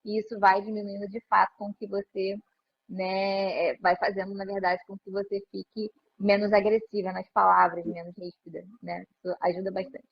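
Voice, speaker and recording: A woman's voice: mid-range voice, flat delivery, normal speed, vocal fry. A woman, a mother talking conversationally about parenting in a live stream, often adding "né?". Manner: conversational, frequent "né?" tag questions. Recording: muffled lo-fi stream audio.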